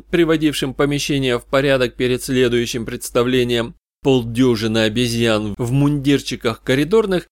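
A man narrating a first-person hardboiled audiobook in a measured, wry manner. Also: medium pitch, dry recording, studio quality.

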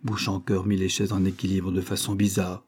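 A man reading a novel aloud in steady scripted narration. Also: low-pitched, normal speed, breathy edge. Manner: steady storytelling. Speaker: audiobook reader.

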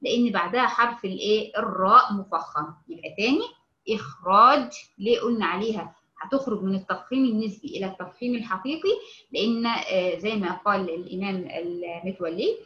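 A woman with an Egyptian Arabic accent teaching a tajweed lesson, explaining slowly, checking often that her students follow, and drawing out each example word. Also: mid-range voice, pushed and bright, roomy sound, dull audio. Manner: stretches out example words when reciting them. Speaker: Quran recitation teacher.

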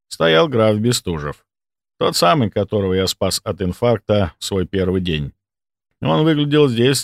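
A man reading a first-person audiobook in a dry, ironic tone. His pitch moves lively up and down. The recording is close and dry. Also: dry recording. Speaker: audiobook narrator.

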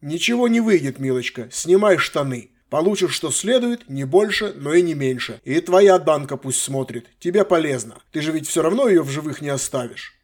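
A man playing a cold, stern old archmage grandfather who speaks in an unhurried, commanding way. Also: a little high, lively intonation. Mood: lecturing.

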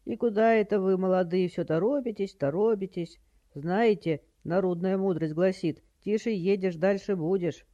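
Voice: mid-range voice, normal speed, warm tone, highs cut off, natural voice. A narrator voicing a feeble old woman who plays senile, with a quavering, doddering voice and a fussy, dithering manner.

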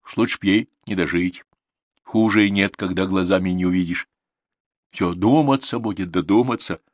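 A man's voice: deep voice, normal speed, dry recording. A man voicing an anxious, pious old village woman who talks in folksy rural speech. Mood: fretful. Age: older.

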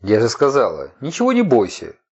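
A man's voice: mid-range voice, wildly swooping pitch, a little fast, a little mellow, slightly rough, heavily acted. A man voicing a fierce, jealous young woman who leads desert raiders, hissing and snarling her lines in a storybook reading. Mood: cold, clipped. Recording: dull lo-fi recording.

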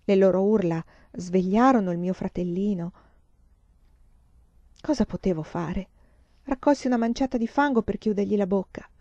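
A woman reading a novel aloud in measured, sombre storytelling, in a dull, slightly lo-fi recording. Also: medium pitch, warm tone, dry recording. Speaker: reader.

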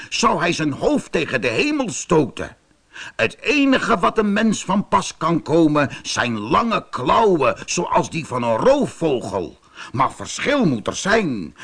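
A man's voice: a little high, fairly bright tone, slightly rough, full character voice. A man voicing a small, clever male prairie dog who questions and lectures the other animals in a storybook.

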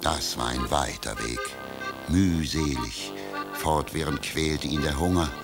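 A man's voice: a bass voice, takes it slowly, over music. A man narrating a fairy tale from a script as a storyteller.

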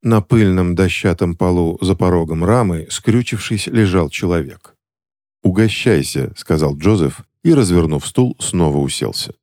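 A man narrating an audiobook story in a measured, even way. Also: low voice, dry recording, studio quality.

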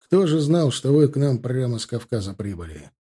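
A man's voice: mid-range voice, very animated, a little fast, dark tone, husky. A man voicing an easygoing young lieutenant. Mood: chatty. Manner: chatty, dismissive.

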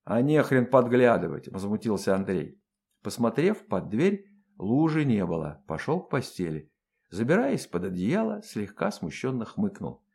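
Expressive male audiobook narrator. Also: on the low side, normal speed, vocal fry, slightly rough. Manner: storytelling, colloquial delivery.

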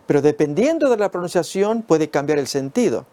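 A man gives a Bible lesson in a measured, step-by-step way, pausing on fillers as he explains. His voice sits a little high but sounds mellow and relaxed. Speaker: Bible teacher.

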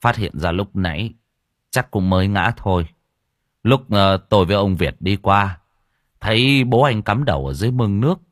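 A man's voice: lowish voice, expressive, moderate pace, no echo, studio quality, natural voice. A man voicing a shaken male villager telling how he found the body, in an audio story.

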